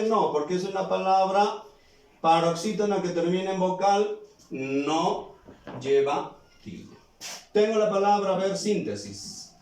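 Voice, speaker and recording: A man's voice: high-pitched, a little mellow, distant mic. A male teacher giving a spelling lesson to students. He asks himself questions and answers them, and draws out the words he is teaching. He has a Peruvian Spanish accent. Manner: slow, drawn-out words, plays both the question and the answer. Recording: very echoey room, away from the mic.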